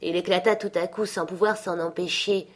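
A woman reads a classic novel aloud in calm, measured audiobook narration. Her voice sits fairly low for a woman. She keeps a steady storybook pace throughout. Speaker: audiobook reader.

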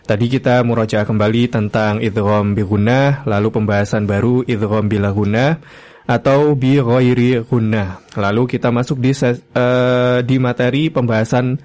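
A man hosting a live religious lesson on the radio, speaking politely and in a measured way straight to listeners. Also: medium pitch, steady tone, darkish tone. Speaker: radio host.

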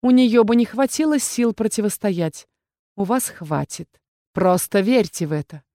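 A woman reading an audiobook, voicing a frail, gentle former female warden who sounds resigned and pleading. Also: medium pitch, lively intonation, measured pace, no echo, studio quality, natural voice. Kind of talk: audiobook character voice.

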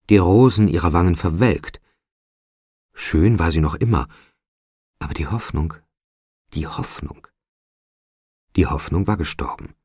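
A man narrating a literary audiobook in a measured, dramatic storytelling manner. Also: sits low, darkish tone, slightly rough, no echo, clean studio sound.

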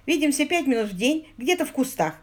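A woman's voice: high-pitched, very animated, fast, voice pushed up. Lady reading as a flustered young guy in love, pleading, voice bouncing up and down. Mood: exasperated.

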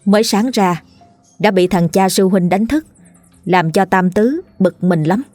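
A woman's voice: medium pitch, measured pace, a little mellow, no room sound, faint music behind. Woman narrating a ghost story. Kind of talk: dramatic storytelling.

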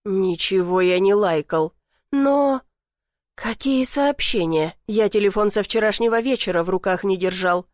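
A gruff, indignant male boss, as a woman reader puts him on, barking back in short bursts. It stays close to her own voice, recorded dry and close for an audiobook. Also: mid-range voice, measured pace, darkish tone, dry recording, natural voice. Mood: annoyed. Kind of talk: audiobook character voice.

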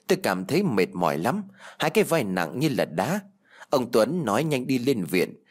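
Man narrating a ghost story. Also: lowish voice. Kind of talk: scripted horror story narration.

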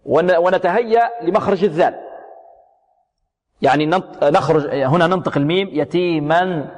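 A man's voice: fairly high pitch, darkish tone. Man teaching Quran recitation in a hall. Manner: drills single sounds, repeats words slowly, asks and answers his own questions. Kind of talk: tajweed lesson on pronunciation. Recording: long hall reverb.

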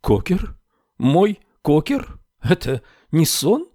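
A man voicing a frail, grumpy old woman in an audiobook, with high cracking cries. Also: big pitch swings, slow, no room sound, clean studio sound. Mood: tearful joy.

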